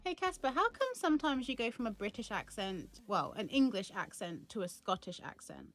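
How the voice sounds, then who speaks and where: A woman's voice: medium pitch, big pitch swings, normal speed, a bit bright. A woman vlogger in casual unboxing chat, giggly and chatty, talking to her toy.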